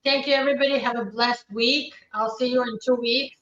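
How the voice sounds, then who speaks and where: The speaker, an immigration attorney from Ukraine, runs a live Q&A, reading questions from viewers and replying briskly and practically, with frequent fillers. Her voice sits a little high, fairly bright and fairly even in intonation, while the dull, distant stream has a roomy echo.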